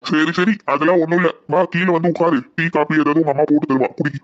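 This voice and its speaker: A woman voicing a calm middle-aged husband and father in a cartoon, speaking in a soothing, reassuring way. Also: sits low, quick pace, voice pushed down, close to an everyday voice. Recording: dull lo-fi sound.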